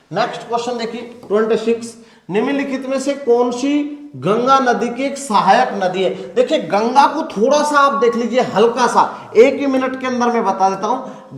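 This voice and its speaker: A man's voice: high voice, fairly bright tone. A male teacher giving an exam-prep geography lesson in speech, asking questions and answering them himself. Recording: echoey room.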